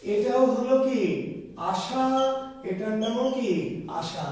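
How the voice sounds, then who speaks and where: A man's voice: extremely high pitch, slow pace, a little mellow. A male teacher giving a grammar lesson, asking questions and repeating the answers back. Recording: very echoey room, far from the mic.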